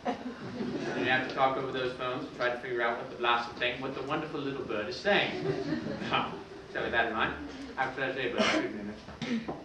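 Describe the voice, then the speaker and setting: A man doing a deadpan, mock-pompous comedy routine on stage. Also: medium pitch, fairly quick, pauses often, recorded from a distance. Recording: roomy live stage sound from afar, audience and noise.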